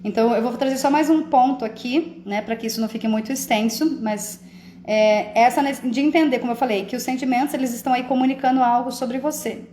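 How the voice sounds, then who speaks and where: A woman's voice: fairly high pitch, fast talker, warm tone, a little hiss or hum. Woman chatting in an echoey room. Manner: conversational, often asks "entende?". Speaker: live stream host. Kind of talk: casual talk on emotions.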